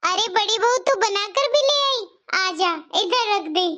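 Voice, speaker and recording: A woman's voice: extremely high pitch, lively intonation, measured pace, bright, forceful tone, heavily acted. A woman voicing a stern old mother-in-law. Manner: scolding, lecturing. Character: older mother-in-law, stern but fair-minded. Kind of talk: cartoon story voice acting.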